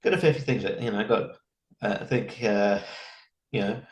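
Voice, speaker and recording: A man, a comedian guest chatting casually on a podcast in a halting, rambling way with many restarts. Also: on the low side, dull audio. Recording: roomy echo.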